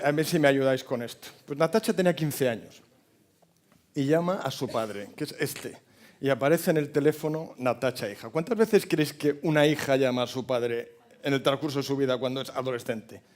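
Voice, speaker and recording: A man's voice: medium pitch, darkish tone. A man in his fifties with a Spain Spanish accent gives a motivational talk. He tells stories, jokes with the audience and asks it questions. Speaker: speaker at a hospitality forum.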